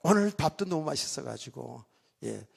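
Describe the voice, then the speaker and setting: A man's voice: mid-range voice, big pitch swings, normal speed, vocal fry, slightly rough. A middle-aged man preaching a sermon as pastor in a church, talking casually with the congregation and joking in asides. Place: church sanctuary.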